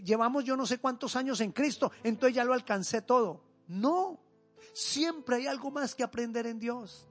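A man preaching in a high voice, earnest and pleading. He often sinks to a hushed tone for emphasis. Soft music plays faintly behind him. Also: slightly rough. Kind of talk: sermon.

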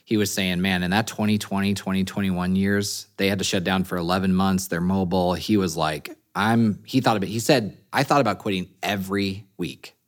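A man's voice: low-pitched, steady tone, fairly quick, few pauses. A man hosting a casual podcast interview, affirming his guests with short interjections. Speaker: podcast host.

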